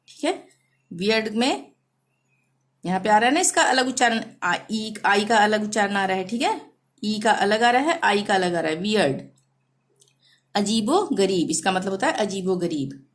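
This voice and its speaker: Slow, patient woman teaching pronunciation. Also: mid-range voice, a little hiss or hum. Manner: drawn-out words, repeats each word several times. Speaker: language teacher. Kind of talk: slow step-by-step pronunciation lesson.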